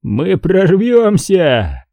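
A man's voice: on the high side, sing-song, creaky, dark tone, dry recording, clean studio sound, pitched above the performer's own voice, exaggerated voice. A man doing a barking, short-tempered pilot. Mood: angry. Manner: barking, slow and heavy. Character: brutish angry submarine pilot, grown man, short-tempered.

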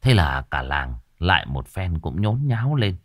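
Man narrating a horror tale, low, animated. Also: normal speed, no room sound, studio quality. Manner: dramatic, animated storytelling. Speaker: storyteller.

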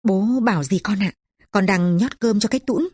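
A woman's voice: medium pitch, normal speed, a little mellow, slightly rough, no echo, clean studio sound, lightly acted. A woman voicing a young daughter who pleads and wails while her father beats her. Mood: timid. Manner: pleading, wailing. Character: young daughter, frightened and tearful.

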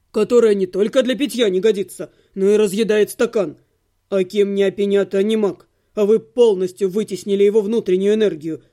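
A woman voicing a calm, patient male healer in an audiobook, explaining things in a measured, lecturing way. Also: medium pitch, pitched below the performer's own voice, close to an everyday voice. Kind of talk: audiobook character reading.

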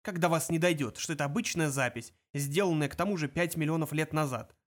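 A man voicing a boastful, reckless space captain, loud and excitable. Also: a little high, fast talker, natural voice. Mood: brash.

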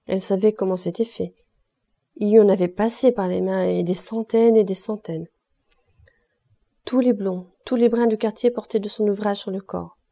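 A woman reading a classic novel aloud in steady, measured narration. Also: mid-range voice, creaky. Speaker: audiobook reader. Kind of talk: scripted literary narration.

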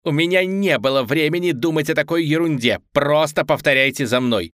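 Мужчина-чтец озвучивает Люсинду, вспыльчивую и властную ведьму, которая визгливо и повелительно кричит на сестёр в сказочной аудиокниге. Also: male voice, on the high side, animated, measured pace, fairly bright tone, dry recording, studio quality. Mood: нетерпеливо. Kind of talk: чтение аудиокниги с озвучкой персонажей.

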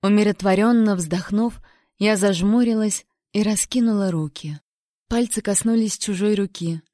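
Woman audiobook narrator, calm, measured, mid pitch, dry close recording. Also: no room sound. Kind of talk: first-person audiobook narration.

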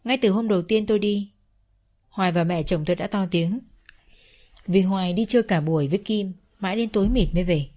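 A woman's voice: mid-range voice, fairly quick. Woman narrating a family drama story. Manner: steady first-person storytelling.

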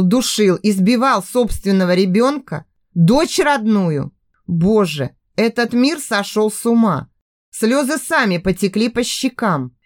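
A woman's voice: fairly high pitch, no room sound, clean studio sound. A woman reading a first-person audiobook with a tense, emotional delivery. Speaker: audiobook narrator.

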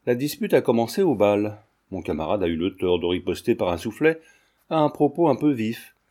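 A man's voice: fairly low pitch, big pitch swings, a little fast, mellow. A man voicing an earnest young man who speaks defensively, in a storybook reading.

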